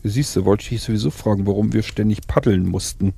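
A man's voice: on the low side, fast talker, creaky, dark tone, slightly rough. A man chatting enthusiastically in a rambling way, with many fillers, in an in-character survival role-play.

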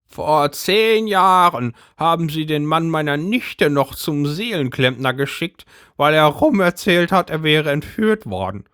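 A man's voice: on the high side, expressive, unhurried, few pauses, fairly bright tone, smooth, dry recording, studio quality, voice pushed up. A man voicing a suspicious, bossy middle-aged housewife who talks in an indignant, conspiratorial way. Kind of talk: storybook reading.

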